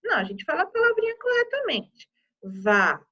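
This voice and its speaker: A Brazilian woman teaching a young class, sounding out words slowly syllable by syllable and checking in often with her pupils. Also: very high voice, wildly swooping pitch. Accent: Brazilian Portuguese. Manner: slow, exaggerated syllable-by-syllable pronunciation with frequent "tá?". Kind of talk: primary school lesson video. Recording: slightly dull lo-fi recording.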